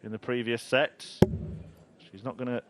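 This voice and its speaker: Male darts commentator, pretty level delivery, analytical, loud noise behind. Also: medium pitch, steady tone, moderate pace. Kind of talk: live sports commentary, analytical.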